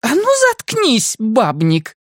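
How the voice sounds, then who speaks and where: A man reading an audiobook voices a furious, heartbroken woman who screams insults in a shrill high voice. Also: normal speed, a little mellow, no echo, studio quality. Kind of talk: audiobook dialogue.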